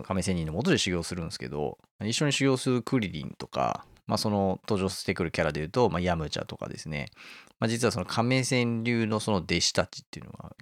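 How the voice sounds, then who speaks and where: A man's voice: deep voice, creaky, no room sound, clean studio sound. A man hosting a casual talk, explaining a favourite manga and often chuckling as he goes. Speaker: host.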